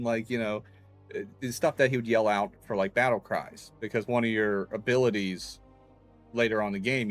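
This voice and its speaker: A man's voice: fairly low pitch, a bit bright. A man livestreaming a game, telling stories in a chatty way and laughing often. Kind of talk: casual gameplay commentary.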